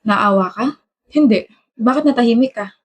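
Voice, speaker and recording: A woman's voice: a little high, moderate pace, natural voice. A woman acting a teasing sweetheart. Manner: teasing, bickering back-and-forth. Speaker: skit actor. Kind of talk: scripted romantic skit dialogue.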